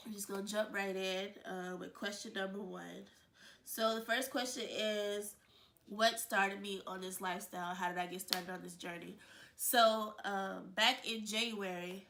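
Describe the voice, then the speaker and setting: A woman with a medium-pitched, slightly bright voice that sounds stuffed-up and congested hosts her own video channel. She chats casually to the camera, full of fillers and restarts.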